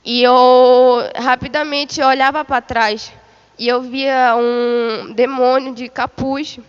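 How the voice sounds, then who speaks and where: A woman's voice: high voice, little pitch movement, takes it slowly, smooth, muffled recording. Woman giving testimony in a reverberant hall. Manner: repetitive storytelling, addresses listeners as beloved. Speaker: church member giving testimony. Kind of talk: religious testimony of a vision.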